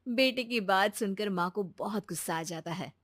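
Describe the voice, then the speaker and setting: A woman's voice: mid-range voice, normal speed, a bit bright, dry recording, studio quality. A woman narrating a scripted cartoon family story.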